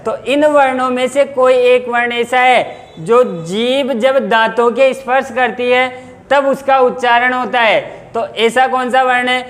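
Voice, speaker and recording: A man's voice: extremely high pitch, a bit bright. A male teacher giving an exam-prep grammar lesson, explaining step by step and asking and answering his own questions.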